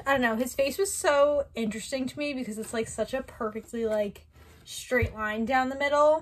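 A young adult woman vlogging in a rambling, chatty way, full of fillers. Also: high voice. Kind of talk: casual chat.

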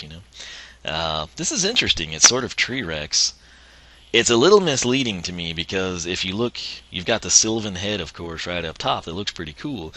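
A man's voice: lowish voice, pushed and bright, slight background noise. A man streaming a video game who is losing his voice, chatting casually and chuckling as he plays. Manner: chatty, rambling, chuckles often. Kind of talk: casual let's-play commentary.

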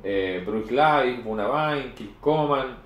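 In a casual chat, a man in his forties reviews beer, explaining at length with plenty of fillers. His voice is medium-pitched and he takes his time. A camera across a home room captures him, so the sound is echoey with faint noise.

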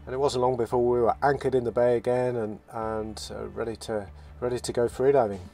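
A man narrating his sailing vlog in a relaxed, reflective voice-over, often restarting his phrases. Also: mid-range voice, a little fast. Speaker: sailing vlogger. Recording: voice-over with loud music behind.

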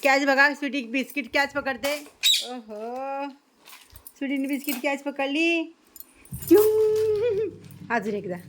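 A woman's voice: high voice, normal speed, background noise. A woman vlogging casually at home, showing things around the house and coaxing her pets in a sing-song baby-talk voice.

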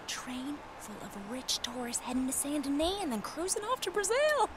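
A woman's voice: high-pitched, very animated, moderate pace. An actress playing a scheming, folksy American outlaw woman in a western video game. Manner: folksy, colloquial. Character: scheming, folksy female outlaw of the Old West. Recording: game audio with clear outdoor noise.

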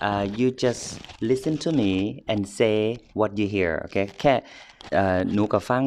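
A man's voice: on the low side, very slow, a little mellow, a little hiss or hum. A man with an Isan Thai accent, patiently teaching his child English at home and drilling phrases for repetition. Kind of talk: home English lesson, casual.

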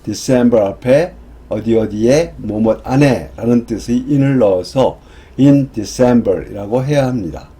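A male teacher explaining English month names to beginners, saying each word slowly and clearly for students to repeat. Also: medium pitch, mellow. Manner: drills English words slowly, one at a time. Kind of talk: slow, careful teaching for beginners.

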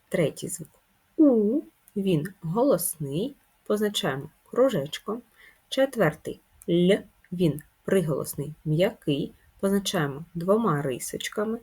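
Woman teacher for a kids' lesson, low, raspy, sing-song. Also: a little mellow. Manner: slow, deliberate dictation with sudden high rises on key words. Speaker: primary school teacher. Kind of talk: video lesson for young children.

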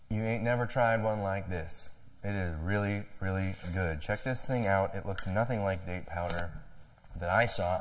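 Deep voiced guy doing a chill cooking demo, chatting away as he mixes stuff. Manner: relaxed, chatty, explains as he cooks. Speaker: host of a vegan cooking show. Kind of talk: casual cooking demo chat.

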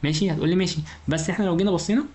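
Fast-talking Egyptian man lecturing. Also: sits high, darkish tone. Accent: Egyptian Arabic. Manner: keeps asking rhetorical questions and checking understanding; informal, talks directly to the student. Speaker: engineering lecturer. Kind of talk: recorded lecture explanation.

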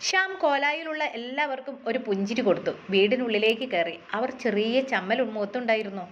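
A woman narrating a story in a steady, measured reading voice. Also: a little high. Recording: dull lo-fi with faint hiss.

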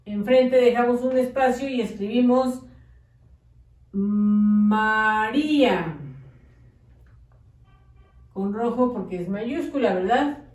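A woman teaching a slow early-literacy lesson, drawing out syllables and coaxing children to follow along. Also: on the high side, mellow. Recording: echoey room, mic at a distance.

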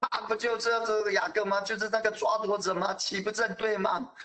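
A man's voice: high voice, level tone, fairly quick, sharp tone, pitched above the performer's own voice. Man putting on a bitter wronged son. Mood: aggrieved.

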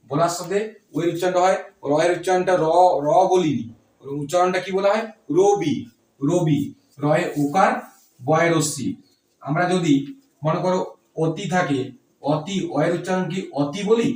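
A man teaching pronunciation rules, asking rhetorical questions and repeating words slowly. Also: sits high, far from the mic. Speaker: Bengali grammar teacher. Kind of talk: explaining pronunciation rules to students. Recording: echoey room, voice from off-mic.

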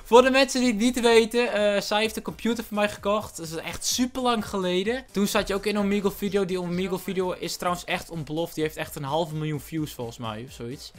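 A young man, a YouTuber, chatting with strangers on a webcam, teasing and playful with sudden loud bursts. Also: high voice, brisk, few pauses, faint music behind. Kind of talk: casual video chat with strangers.

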